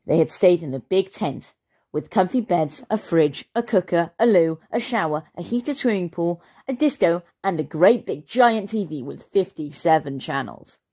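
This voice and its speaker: A woman reading a children's storybook aloud in a slow, expressive way, as the channel's storyteller. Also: lowish voice, breathy edge.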